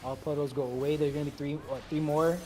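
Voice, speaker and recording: A man leading a game raid, calling out instructions briskly, repeating commands and slipping in joking asides. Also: on the high side, little pitch movement, background noise. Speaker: raid leader. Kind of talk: calling instructions over voice chat while gaming.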